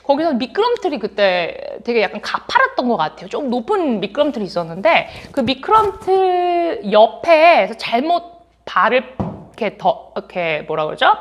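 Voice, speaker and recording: A young woman preaches to a children's congregation in a storytelling voice. Her voice sits high and swings widely, rising and falling as she acts out what each person said. She laughs easily as she goes. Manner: animated, acts out quotes, laughs while telling.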